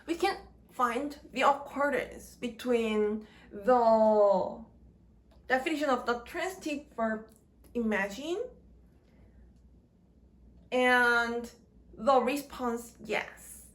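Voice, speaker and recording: Lady lecturing on grammar, real slow, kinda high voice, choppy little phrases. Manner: deliberate, halting phrasing in short chunks. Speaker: grammar teacher.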